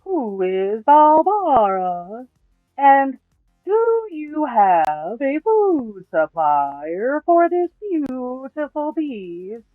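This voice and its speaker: A man voicing a slow, dreamy male adventurer who talks like a friendly salesman, drawn out and far-off. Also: extremely high pitch, sing-song, no room sound, soft background music, voice pushed up, heavily acted. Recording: tinny, phone-like, dry.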